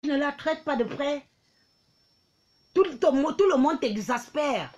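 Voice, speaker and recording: A woman's voice: high voice, lively intonation, unhurried, darkish tone. A woman, taunting and mocking her critics in a heated live-stream rant, often laughing. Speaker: livestreamer.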